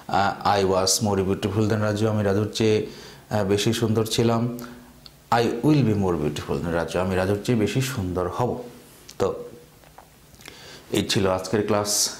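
A man with a Bangladeshi accent teaching an English grammar lesson, explaining slowly and repeating example sentences. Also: lowish voice, a little mellow, reverberant.

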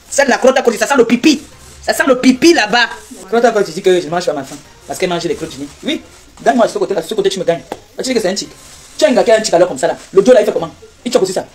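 A woman hosting a live stream, teasing her viewers and reeling off repetitive, mock-preaching blessings in a loud voice. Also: mid-range voice. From Cameroon.

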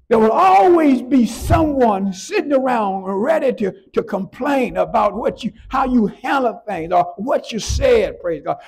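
A male pastor preaching a sermon, swinging between shouted peaks and quiet asides, often repeating "praise God". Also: very high voice, vocal fry, husky.

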